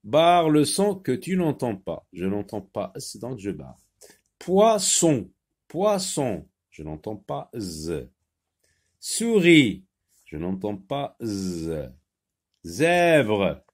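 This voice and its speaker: Slow, lively-voiced male phonics teacher. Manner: slow, carefully over-articulated words, lively rising and falling pitch. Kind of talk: phonics lesson for young children.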